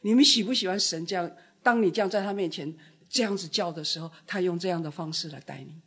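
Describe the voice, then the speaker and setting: A woman delivering a sermon with a husky, breathy edge to her voice. She preaches dramatically, rising to loud outbursts and then dropping to soft, hushed words. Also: on the low side, fast talker.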